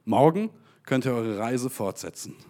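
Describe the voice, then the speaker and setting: A man's voice: mid-range voice, animated, unhurried, warm tone, close to an everyday voice. A man voicing an anxious grown man who pleads earnestly, read aloud in a sermon. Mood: courteous.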